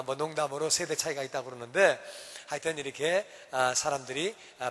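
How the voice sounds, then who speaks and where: A man preaching a sermon as pastor in a church, animated and acting out scenes. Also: sits high. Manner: animated, acts out parents shouting at children. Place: church sanctuary. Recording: church hall reverb.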